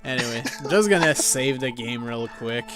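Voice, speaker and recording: A man streaming a retro video game live, calmly narrating what he does with commentary between moves. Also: medium pitch. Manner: slow, laid-back narration of gameplay. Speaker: let's play streamer. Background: faint game music.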